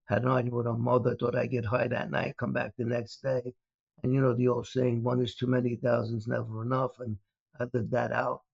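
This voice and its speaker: An older man from Brooklyn, New York, a former mobster turned speaker, rambles through his past as a guest in a storytelling interview, with many "uh" fillers and restarts. His medium-pitched voice is monotone, brisk, gravelly, husky and darkish. The lo-fi audio is dull and dry, with no room sound.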